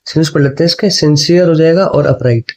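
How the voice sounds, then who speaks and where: A man's voice: fairly high pitch, a little mellow. A man teaching exam questions, speaking Hindi, chatty and often checking in with his students. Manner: chatty, repeats "ठीक है", reads options slowly. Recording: dull lo-fi sound.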